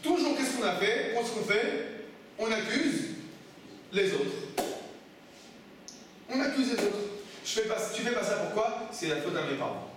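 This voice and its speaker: A rabbi teaches a class of students, pressing them with emphatic questions. His voice sits high for a man. The room echoes heavily and he is recorded from a distance. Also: animated, measured pace, pauses often. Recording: echoey room, from far off, faint noise.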